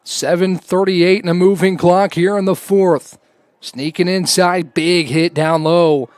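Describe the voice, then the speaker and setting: A man's voice: sits high, steady tone, unhurried, clean tone, no echo, studio quality. A man giving live play-by-play commentary on a lacrosse game. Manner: raises voice to a shout on goals.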